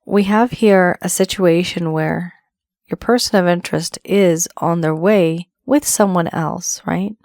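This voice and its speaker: A woman's voice: lowish voice, a little slow, creaky, darkish tone, dry recording, clean studio sound. A woman giving an earnest tarot reading, her voice still worn from the flu, repeating phrases for emphasis. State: voice affected by flu. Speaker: tarot reader.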